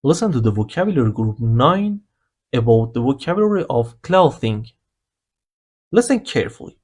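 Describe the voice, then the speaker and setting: A man's voice: medium pitch, sing-song, moderate pace, darkish tone, breathy edge. A man teaching beginner grammar, explaining the rules patiently one step at a time. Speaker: language teacher. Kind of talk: slow explanatory lesson narration.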